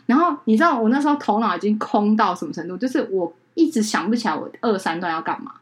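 Fast-talking woman telling a story. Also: mid-range voice. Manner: animated, acts out quoted people. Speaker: podcast co-host and wedding emcee. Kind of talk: casual storytelling chat.

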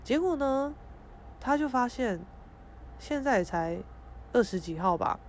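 A young woman hosts a podcast. She tells stories in a frank, expressive, emotional way and swears casually. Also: sits high, slow, slight background noise. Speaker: podcast host. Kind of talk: casual storytelling monologue.

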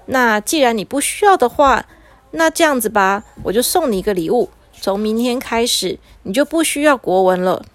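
A woman voicing a calm magician who lectures a boy. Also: a little high, moderate pace, no echo, natural voice. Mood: lecturing. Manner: preachy, lecturing.

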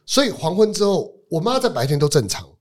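A man, a lawyer guest telling a personal story in an interview, animated and swinging between loud and hushed. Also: on the high side, fairly quick.

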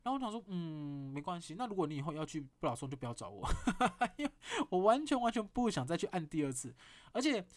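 Fast, animated Taiwanese-accented man. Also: fairly high pitch. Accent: Taiwanese Mandarin. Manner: animated storytelling with blunt swearing. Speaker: podcast host. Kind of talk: casual podcast monologue.

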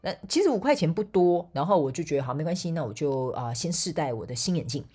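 Chatty Taiwanese woman with a low, husky voice. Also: lively intonation, fast talker, mellow. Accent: Taiwanese Mandarin. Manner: chatty, laughs often, gropes for words. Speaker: podcast host and motivational speaker. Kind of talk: casual solo podcast storytelling.

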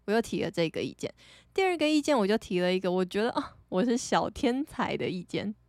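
A young woman from Taiwan with a Taiwanese Mandarin accent, hosting a podcast and telling stories casually, chatty and animated, laughing often. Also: medium pitch, fairly quick, dry recording, clean studio sound. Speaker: podcast host. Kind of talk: casual storytelling monologue.

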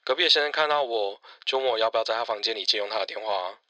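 A man's voice: lowish voice, rapid-fire, pushed and bright, dry recording, muffled recording. A man playing a worried but easygoing husband phoning his wife in an audio horror drama. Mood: casual.

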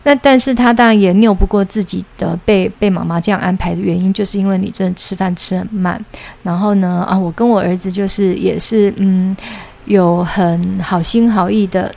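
A Taiwanese woman in her thirties chats through her solo podcast, a children's English teacher speaking at an ordinary mid pitch. Her voice carries a gravelly, creaky texture, and she pauses on frequent "uh" fillers while mixing in English words. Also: darkish tone. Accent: Taiwanese Mandarin. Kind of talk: casual solo podcast talk.

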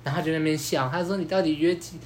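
A man, hosting a podcast and telling a story in a casual, animated way, acting out both sides of the dialogue with many fillers. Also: on the high side, racing, slight background noise. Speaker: podcast host.

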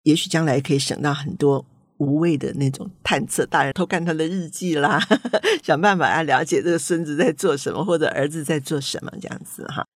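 With a low, fairly quick voice and no room sound in a clean studio recording, an older Taiwanese-accented author chats folksily about her grandchildren. Her Taiwanese Mandarin accent colors the storytelling as she acts out family conversations.

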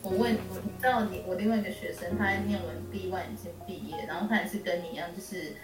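A woman's voice: lowish voice, fast talker. Woman podcast host, blunt and joking, mic set back in an echoey room, music underneath. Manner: blunt, joking, animated storytelling. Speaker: spiritual teacher and podcast host. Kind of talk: casual chat. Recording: roomy echo, distant mic, music under.

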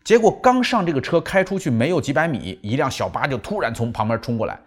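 A man recaps a memoir as a storytelling book host, voice swinging widely in pitch. His delivery is animated and keeps acting out the people in the story. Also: fast talker. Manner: animated, acts out quotes.

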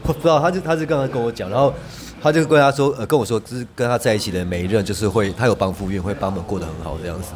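A man, a podcast guest telling rambling, animated anecdotes with frequent restarts. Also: fairly low pitch, racing. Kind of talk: casual storytelling chat.

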